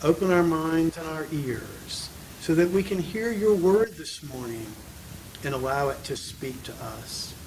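Man leading a church prayer, very slow and measured, earnest, over steady noise. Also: fairly high pitch, poor audio. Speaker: prayer leader.

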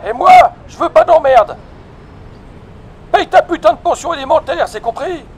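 An angry, bullying police sergeant from a video game, put on by a man. He barks insults and orders like a drill sergeant, in a strikingly high voice. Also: animated, moderate pace, vocal fry, heavily acted. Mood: angry, threatening. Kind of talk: acted video game dialogue.

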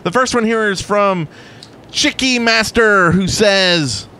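A man's voice: high-pitched, pushed and bright. Guy rambling through a live podcast, lots of ums, bit of background noise. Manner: rambling, halting with fillers. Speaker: podcast co-host. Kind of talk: casual live-stream chat.

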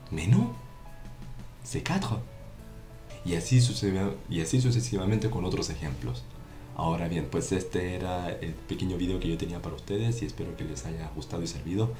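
A man's voice: low-pitched, warm tone. A man giving a casual online French lesson in Spanish, repeating examples and often checking that the viewer understands. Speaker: French teacher. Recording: roomy echo with faint music.

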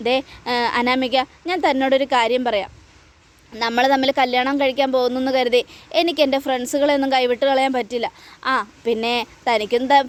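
A woman reading the lines of a stubborn young man who insists on keeping his friend, firm and insistent, in her own high voice. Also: lightly acted.

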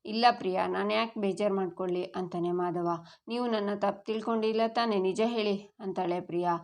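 A woman's voice: medium pitch, fairly even intonation, brisk. A woman, retelling a TV serial episode and reading every character's lines in her own plain voice. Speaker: narrator.

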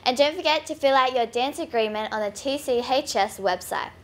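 A woman's voice: sits high, a little fast. A teenage girl hosting a student news show, reading scripted school announcements in an upbeat way. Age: teens. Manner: upbeat, reads a list of notices.

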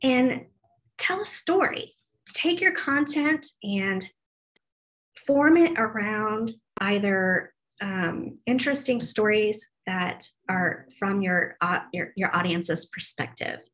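Poor audio from a laptop microphone carries a video call where a woman in her forties trains staff on web development. Her mid-range voice is animated yet slow, with a fairly bright tone. She speaks casually and chattily, often saying um and starting over.

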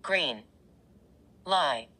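A woman's voice comes through a spirit box radio sweep as single isolated words from a scanning radio device. It is low, very slow and husky, with a bright, sharp edge. Some words sound distant. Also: lively intonation. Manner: utters isolated one-word answers. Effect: spirit box radio sweep, single words between static.

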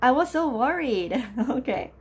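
A young woman hosts a live language class from her desk, pitched a little high but rough and low this morning because she just woke up. She keeps up a chatty running talk with the viewers, greeting them by name and laughing easily. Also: very animated, unhurried. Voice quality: lower, rough voice from just waking up. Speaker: Korean language teacher. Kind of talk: live-streamed lesson with chat.

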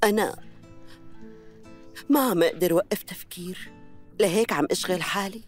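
A woman's voice: fairly low pitch, normal speed, faint music behind, lightly acted. A woman with a Syrian accent playing an anxious, dutiful housekeeper in her sixties in a dubbed TV drama. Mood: anxious, subdued.

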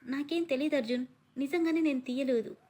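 A woman's voice: high voice, brisk, warm tone, lightly acted. A woman voicing a young woman who pleads earnestly after being wrongly accused, in a storybook reading. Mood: hurt pleading.

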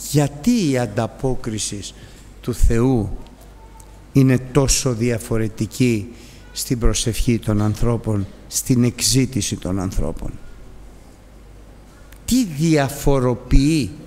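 A male preacher giving a sermon, telling the story dramatically with big swings in pitch and loudness. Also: pauses often. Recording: long hall reverb.

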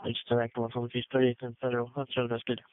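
A man's voice: mid-range voice, monotone, very fast, dry recording. A man working as an emergency dispatcher, giving clipped procedural read-backs over a two-way radio in police radio style. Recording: tinny phone-like dispatch radio.

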